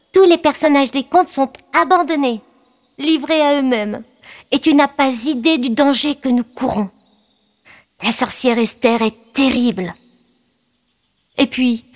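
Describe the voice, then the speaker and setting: A woman voicing a scrappy, tomboyish little fairy girl, earnest and a bit scolding. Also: high voice. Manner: earnest, scolding, explains patiently.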